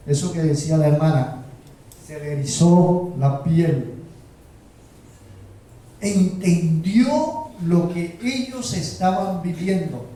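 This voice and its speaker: Slow-preaching man, echoing church. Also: high-pitched, mellow. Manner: slow, emphatic preaching with rhetorical questions. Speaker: pastor. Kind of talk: sermon. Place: church sanctuary. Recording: roomy echo, heard from a distance.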